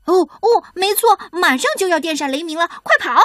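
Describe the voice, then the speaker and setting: A woman's voice: high voice, big pitch swings, normal speed, no room sound, pitched above the performer's own voice. A woman voicing a chirpy little female blackbird who talks in a coaxing way. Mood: urgent.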